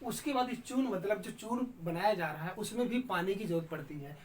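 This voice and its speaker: A woman's voice: medium pitch, normal speed, a little mellow, slight background noise. A woman teacher giving a patient, explanatory grammar lesson and often checking in with her students. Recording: distant mic with faint room ambience.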